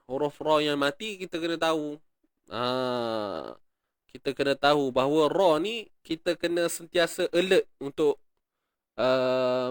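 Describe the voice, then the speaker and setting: A man with a Malaysian Malay accent teaching Quran recitation rules, explaining patiently, repeating words slowly and chanting verses. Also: fairly high pitch, clear, resonant tone, no room sound, clean studio sound. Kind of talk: tajwid lesson, explaining and reciting.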